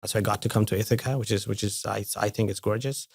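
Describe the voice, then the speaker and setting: Indian-born man, halting conversational tone. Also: on the low side, fairly even intonation, vocal fry, a little mellow, breathy edge, no room sound, studio quality. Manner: restarts and repeats words often. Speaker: venture investor, podcast guest. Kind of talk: casual interview conversation.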